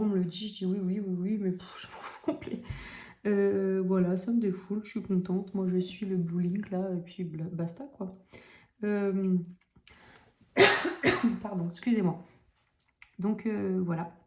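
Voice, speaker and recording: A coloring vlogger with a mellow, low-ish voice chats casually, chatty and self-mocking, with many fillers. The recording comes from an echoey room with faint noise.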